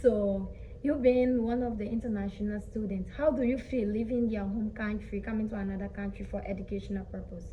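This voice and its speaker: A woman hosts a studio interview and asks her guest questions in a friendly, encouraging way. Her voice is mellow and warm, at an ordinary pitch for a woman. A faint hiss sits behind her. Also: steady tone, a little fast, highs cut off. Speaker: host.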